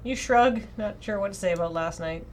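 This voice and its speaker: On a livestream, a woman reads a visual novel aloud with a casual, expressive delivery and frequently breaks off for playful asides. Her pitch is medium, her pace a little fast, and there's slight noise in the background.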